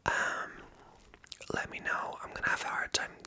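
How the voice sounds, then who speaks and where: An ASMR host speaking in an unvoiced, breathy, rambling whisper close to the microphone, at times barely audible. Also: normal speed, pushed and bright. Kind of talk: ASMR whispering, inaudible and semi-inaudible.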